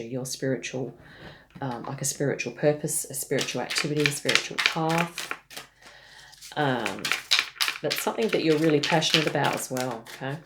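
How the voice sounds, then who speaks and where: Low-voiced woman reading tarot. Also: noisy background. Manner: hesitant, many fillers and restarts; gentle, speaks directly to the listener. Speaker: tarot reader.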